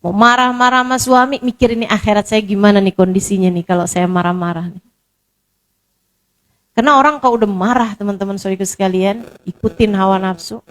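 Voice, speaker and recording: A woman's voice: medium pitch, brisk. A woman preacher giving a casual, conversational sermon, full of repetition and rhetorical questions. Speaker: Islamic preacher.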